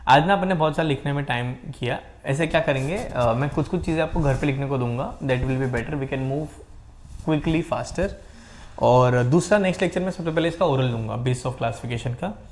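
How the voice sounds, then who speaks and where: A man's voice: medium pitch, slight background noise. Man teaching a class, joking between dictations. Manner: teasing, jokey asides between slow, spelled-out dictation. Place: classroom with students.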